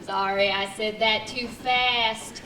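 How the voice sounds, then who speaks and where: A woman's voice: a little high, steady tone, slow pace, background noise. A young woman on stage playing a wry, flippant magazine staffer who teases about drinking, heard in a roomy theatre. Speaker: actor. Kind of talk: stage acting. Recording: roomy stage from far off, faint clicks.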